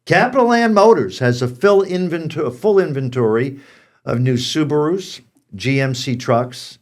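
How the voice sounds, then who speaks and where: Male host, sixties, American, medium pitch, conversational and frank presenting style. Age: 60s. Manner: frank, direct address to viewers. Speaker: pet show host.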